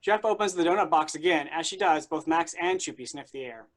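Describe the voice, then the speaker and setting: In a medium-pitched voice and at a slightly fast pace, a reader delivers the stage directions for a play reading. It's scripted narration laying out each action.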